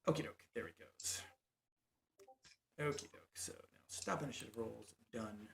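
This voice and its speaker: A man running a tabletop game as game master, talking in halting bursts full of fillers and restarts. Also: medium pitch, creaky, roomy sound, background noise.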